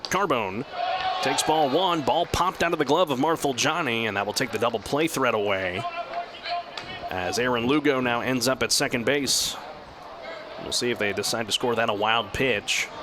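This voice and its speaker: Over background noise, a medium-pitched male radio announcer delivers baseball play-by-play. His commentary moves from measured description to excited calls.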